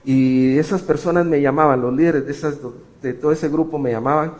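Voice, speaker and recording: A middle-aged man preaching a sermon, telling a personal story with sudden swings between loud emphasis and hushed passages. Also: a little high, a little fast. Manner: animated, shifting sharply between loud emphasis and quiet. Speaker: pastor.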